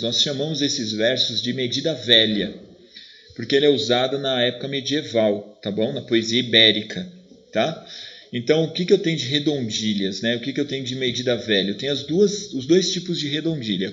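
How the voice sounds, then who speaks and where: A man's voice: medium pitch, a bit bright, lo-fi sound. A man teaching a literature class with a Brazilian Portuguese accent, talking through his slides in a conversational way and often checking in with his students. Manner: conversational, keeps checking in with "né?" and "tá bom?". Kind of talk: recorded online class with slides.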